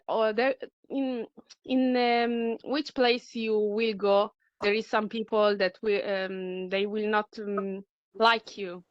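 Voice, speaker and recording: A middle-aged woman speaks English, taking her time and pausing often to search for her words. Her voice comes through smooth and clear, though the recording itself is dull and lo-fi. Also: mid-range voice, fairly bright tone, no echo. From Italy. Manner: halting, searching for words, many fillers. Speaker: speaker sharing personal experience. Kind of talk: personal testimony at a talk.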